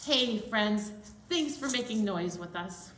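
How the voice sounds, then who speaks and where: A woman with a Minnesota accent, a children's librarian reading aloud at an online storytime in a playful, animated way. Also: medium pitch, takes it slowly, a little hiss or hum. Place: library room. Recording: echoey room.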